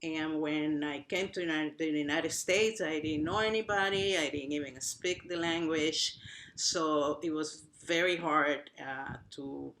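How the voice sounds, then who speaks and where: A woman's voice: low voice, measured pace. A woman from Cuba with a Cuban accent, whose first language is Spanish, speaking animatedly on a virtual panel as a nonprofit director. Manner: animated, restarts phrases, uneven pace. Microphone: video call.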